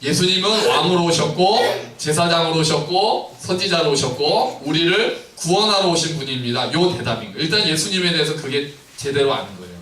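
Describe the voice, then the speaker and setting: Lively, animated male pastor. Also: fairly high pitch, brisk, hardly any pauses. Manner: playful, questioning, acts out the scripture scenes. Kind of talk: lively sermon to a congregation with children. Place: church sanctuary. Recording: roomy church hall, mic at distance, faint noise.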